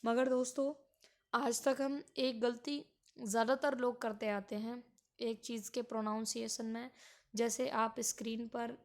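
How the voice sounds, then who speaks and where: A woman teaching an exam-prep lecture in a slow, explanatory way, repeating points for students. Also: fairly high pitch, little pitch movement.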